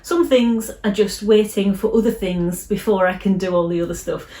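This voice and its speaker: A woman illustrator talking casually to camera in her vlog, gentle and reassuring, often restarting her sentences. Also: medium pitch, moderate pace. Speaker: illustrator vlogger. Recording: roomy echo.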